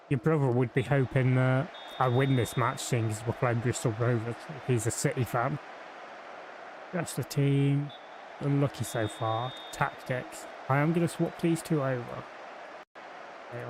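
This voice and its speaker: A Yorkshire man with a mid-range voice streams a football management game over a noisy background. He chats casually and thinks aloud, full of fillers and restarts, in live game commentary.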